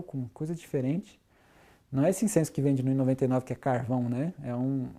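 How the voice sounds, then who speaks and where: A man, telling his testimony in an animated storytelling way, mimicking sounds and singing short chant phrases. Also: mid-range voice. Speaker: testimony speaker. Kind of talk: spoken testimony.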